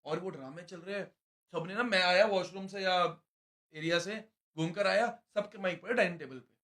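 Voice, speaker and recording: A man's voice: high voice, moderate pace, a bit bright. A young man animatedly telling a story in a casual chat, acting out quotes and laughing as he goes. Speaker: reality show contestant recounting a fight.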